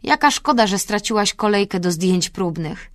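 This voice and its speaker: A woman's voice: mid-range voice, lively intonation, moderate pace, no room sound, clean studio sound, close to an everyday voice. Magda, a woman doing a mocking teen girl. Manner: ironic, mocking. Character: sarcastic teenage girl, ambitious and pushy. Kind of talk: audiobook character voice.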